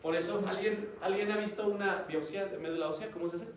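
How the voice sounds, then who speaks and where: A man's voice: high voice, steady tone, quick pace, a crowd in the background. Man lecturing in an echoey classroom. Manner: conversational, keeps asking students questions. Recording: echoey classroom, mic far off, noisy.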